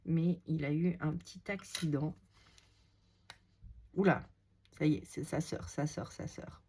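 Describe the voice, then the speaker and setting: A woman's voice: low voice, unhurried, dark tone, husky. A woman with a cold chatting casually through a craft tutorial, muttering self-deprecating asides to herself as she works. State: has a cold. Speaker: scrapbooking crafter demonstrating a page. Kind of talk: casual craft tutorial, talking while working.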